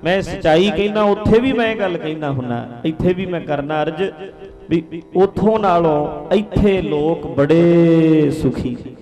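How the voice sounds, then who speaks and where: A man's voice: on the high side, measured pace. A man with a Punjabi accent preaching a sermon, folksy and earnest, asking his listeners straight out. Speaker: Sikh preacher. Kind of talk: sermon storytelling.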